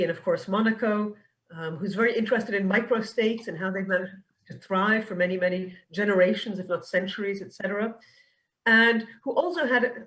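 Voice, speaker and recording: A woman, a business school director, speaking thoughtfully and pausing to find her words. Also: mid-range voice, fairly bright tone. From New York. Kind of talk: speech at an online event. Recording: voice from a distance.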